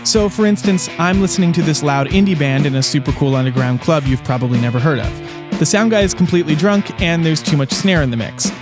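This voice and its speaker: Dry, close-miked man with a higher voice. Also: animated, a little fast. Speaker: host and reviewer. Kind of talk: scripted narration for a tech video. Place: small soundproofed closet. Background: music.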